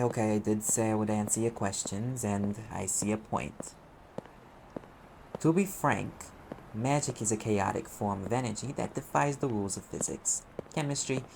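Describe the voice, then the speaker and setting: In an audio roleplay, a man plays a sarcastic, impatient private eye mage, voicing one side of a dialogue as he explains things in a conversational, exasperated way. His voice is lowish with vocal fry, and heavy background noise fills the recording.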